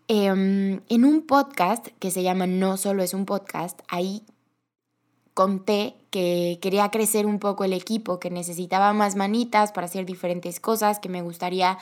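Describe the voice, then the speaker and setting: Young Mexican woman, chatty and animated host telling a story. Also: mid-range voice. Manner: chatty, animated, quick bursts with laughter. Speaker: podcast host. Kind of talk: casual storytelling monologue.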